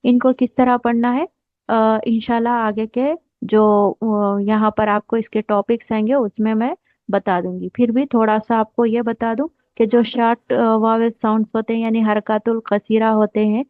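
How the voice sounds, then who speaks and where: Woman teacher going slow, repeats every term, kinda high voice, sounds like a phone line. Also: little pitch movement, no room sound. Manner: patient, repeats terms, writes on a board. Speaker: Arabic teacher. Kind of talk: slow explanatory lesson. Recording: dry, tinny phone-like sound.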